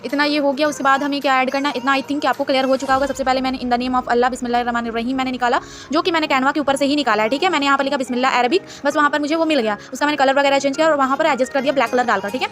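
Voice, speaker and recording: A woman's voice: high-pitched, fairly even intonation, very fast, a bit bright, slight background noise. A woman hosting a screen-recorded design tutorial, chatty and instructive, mixing English words into her Hindi.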